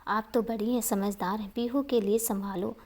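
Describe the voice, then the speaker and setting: A woman voicing a gentle, caring young husband who speaks softly and coaxes a child. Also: medium pitch, fairly even intonation, moderate pace, close to an everyday voice. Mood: gentle, coaxing. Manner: soft coaxing, speaking kindly to a child.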